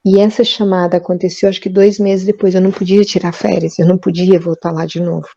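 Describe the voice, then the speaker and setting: A woman's voice: on the low side, little pitch movement, quick pace, vocal fry, mellow. An older woman from Brazil, an interview guest telling her life story with emotion, often repeating words and acting out dialogue. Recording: dull lo-fi audio.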